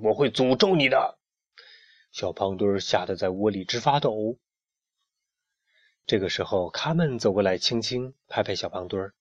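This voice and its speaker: A man narrating a children's story in a lively way, switching into voices. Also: fairly low pitch, dry recording. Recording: dull lo-fi recording.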